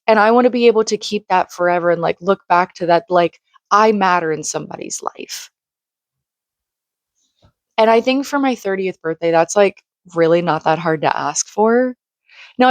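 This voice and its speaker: A woman's voice: mid-range voice, expressive, moderate pace, dry recording. Earnest rambling woman in her late twenties. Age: late 20s. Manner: rambling, heavy use of "like", earnest. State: slightly crackly voice from screaming. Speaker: vlogger. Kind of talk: casual personal monologue. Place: home room by a shared wall.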